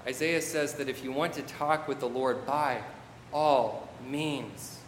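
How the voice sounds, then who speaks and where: A man's voice: mid-range voice, takes it slowly, a little hiss or hum. A man preaching a sermon, reading scripture and adding wry, modern asides. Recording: echoey hall with long reverb, faint ambience.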